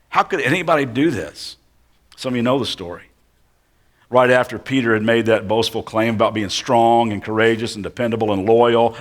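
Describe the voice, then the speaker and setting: A male pastor preaching a sermon as dramatic storytelling, slowing and dropping to hushed tones for effect. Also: lowish voice.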